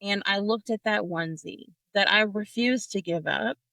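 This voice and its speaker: A woman's voice: medium pitch, moderate pace, vocal fry, bright, forceful tone, no echo, low-quality recording. A woman guest sharing personal grief in conversation, speaking in a tender, reflective way. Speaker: podcast guest.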